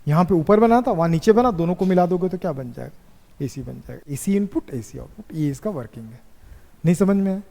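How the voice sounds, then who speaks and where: A man teaching physics in a classroom, asking students questions and dictating notes slowly. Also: high voice, expressive, gravelly, dark tone. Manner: slow dictation. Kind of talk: classroom lecture. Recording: echoey classroom reverb.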